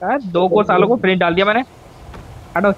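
A man gaming with friends, giving rapid, urgent callouts and plans. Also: sits high, dull audio, background noise. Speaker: gamer on voice chat. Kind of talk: casual gaming banter.

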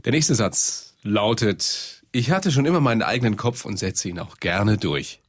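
A man's voice: on the low side, expressive, normal speed, slightly rough, no room sound, clean studio sound. A man interviewing a guest, asking probing questions and prompting with short replies.

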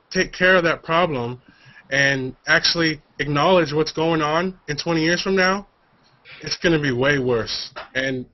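A man answering interview questions about his project, earnest and halting, with many fillers. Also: on the high side. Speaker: show creator. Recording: dull lo-fi sound.

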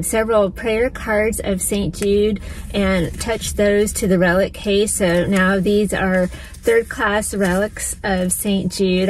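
A chatty, enthusiastic middle-aged woman vlogs about travel from a parked car, talking to a phone at arm's length. Her voice is medium-pitched, and the low-quality recording carries a slight hiss or hum.

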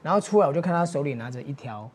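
A man with a Taiwanese Mandarin accent, a parent on a talk show telling an animated story and laughing through it. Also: on the high side, rapid-fire, husky. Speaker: guest parent.

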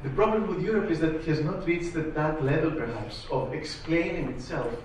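A man's voice: on the high side, brisk, a little mellow, slight background noise. Greek man asking a question, echoey hall. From Greece. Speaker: audience member asking a question. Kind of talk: audience comment at a panel. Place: conference room. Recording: very echoey room, distant mic.

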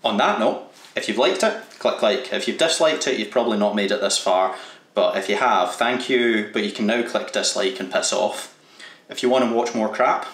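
Sarcastic man with a lowish voice. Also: fairly bright tone, roomy sound. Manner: sarcastic, self-deprecating, sweary. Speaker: vlogger. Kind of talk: casual vlog outro. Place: home games room indoors.

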